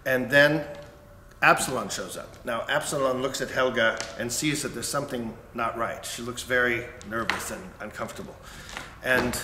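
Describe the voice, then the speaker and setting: Man, conductor, casual storytelling, acts out quoted lines, bright tone, echoey room, faint hiss. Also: medium pitch. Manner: relaxed storytelling, briefly acting out characters' lines. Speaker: conductor explaining an opera. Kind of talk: casual spoken introduction.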